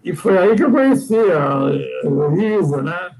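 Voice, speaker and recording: Telling sailing stories in a casual, meandering way, an older man from Brazil frequently restarts and tacks on "né?". He appears as a guest sailor, and his high, slightly mellow voice swings widely in pitch at a slightly slow pace. The recording quality is poor.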